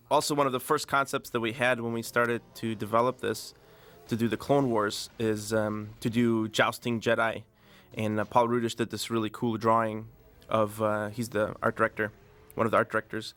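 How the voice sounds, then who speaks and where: Man, lowish voice, flat tone, rambling commentary with many pauses and fillers. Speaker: director. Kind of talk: DVD commentary.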